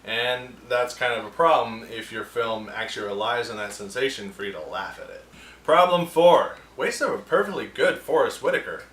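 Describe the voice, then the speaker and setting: A man's voice: medium pitch, expressive, normal speed, fairly bright tone. Sarcastic man ranting in a roomy echo. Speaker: film review show host. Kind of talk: casual opinionated film review. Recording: roomy echo, distant mic, faint ambience.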